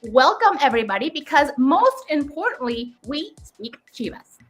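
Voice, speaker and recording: A woman's voice: sits high, sing-song, normal speed. A woman co-hosting a casual bilingual sports talk show, upbeat and switching between English and Spanish. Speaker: co-host.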